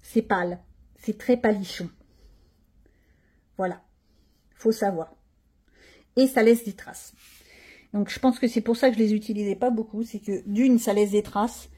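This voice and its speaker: A woman's voice: mid-range voice, steady tone, a little slow, pauses often, warm tone, slightly rough. A middle-aged woman chatting casually about her art supplies, thinking aloud as she demonstrates them, with frank slangy asides. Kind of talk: casual show-and-tell chat.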